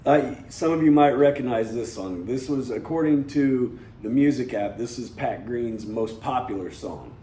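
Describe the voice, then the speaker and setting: Guiding a seated workout, a young man speaks at normal speed with few pauses, in a warm, medium-pitched voice. He's casual and candid, frequently dropping "you know," and faint noise sits in the roomy recording.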